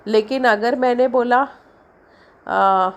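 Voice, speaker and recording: A woman teaching an English syllabus lesson in Hindi, explaining slowly and stretching out the example words. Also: a little high, lo-fi sound.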